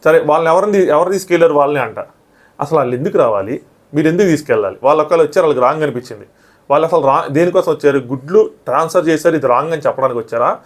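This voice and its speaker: A man's voice: a little high, lively intonation. A man reviewing a reality show episode in casual, argumentative talk, often acting out what others said. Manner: rapid, argumentative, often acts out quoted lines.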